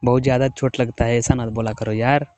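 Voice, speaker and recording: Teasing and coaxing, a young man from India chats with his wife by phone while working away from home. His delivery is flat and brisk, with a medium pitch and a darkish tone.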